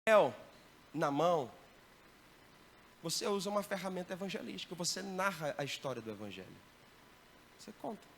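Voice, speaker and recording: A man with a bright, slightly high voice teaches a church training session as a missionary. He speaks in a lively way and keeps checking in with the listeners in the hall. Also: fairly quick, vocal fry, pauses often, slight background noise.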